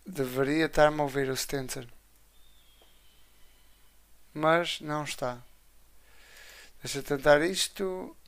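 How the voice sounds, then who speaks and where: Man, European Portuguese accent, casual co-host with a clear but gravelly voice, slangy and peppered with English. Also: a little high, steady tone, slow, long pauses, fairly bright tone. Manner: slangy, mixes in English words. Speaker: wrestling show co-host. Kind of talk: casual live chat about wrestling.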